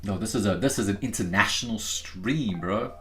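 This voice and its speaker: A man's voice: lowish voice, moderate pace, a bit bright. Chatty man hosting a stream. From South Africa. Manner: upbeat and chatty, talks straight to viewers, calls them guys and bro. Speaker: livestream trading host. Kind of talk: casual live-stream chat.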